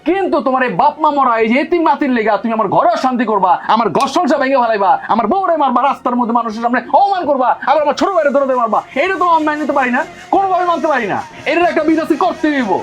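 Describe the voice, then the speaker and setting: A man plays a harsh, scolding elder son. He speaks very fast, his voice high and lively. Faint music runs behind him. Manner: scolding, quarrelsome. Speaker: elder son in a family drama. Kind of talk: television drama acting.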